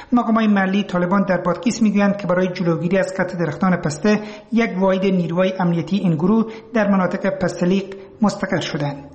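In an echoing room, an Afghan man reads a scripted radio report. His voice sits high for a man, and he delivers the news as a reporter. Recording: roomy, echoing voice recording.

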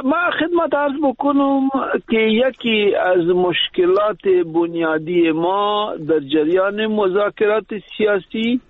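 A man with an Afghan Dari accent, a guest in a radio interview, answering in a halting way with many hesitations over a phone call. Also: sits high, dry recording. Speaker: guest analyst. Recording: tinny phone line.

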